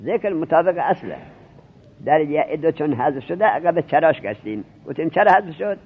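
A man's voice: on the high side, lively intonation, husky. A man teaching a seminary grammar class, questioning and drilling his students as he explains. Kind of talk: Arabic grammar lesson in Persian. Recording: tinny lo-fi narrowband recording.

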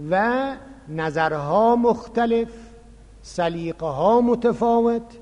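High-voiced man lecturing in a reverberant hall. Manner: explanatory, animated, acts out quoted dialogue. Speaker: lecturer on Quran recitation. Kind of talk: religious lecture.

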